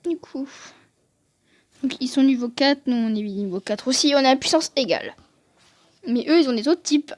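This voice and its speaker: High-voiced joking French woman gamer. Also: moderate pace, pauses often, a little mellow, no room sound. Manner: joking, chatty, self-mocking. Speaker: gaming video host. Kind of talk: casual gameplay commentary. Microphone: desk microphone close up.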